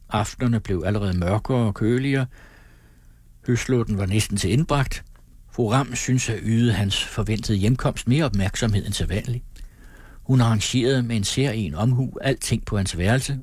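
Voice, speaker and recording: A man reading a classic novel aloud in a measured, phrase-by-phrase way. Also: lowish voice, a little mellow, slightly rough, no echo. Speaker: audiobook reader.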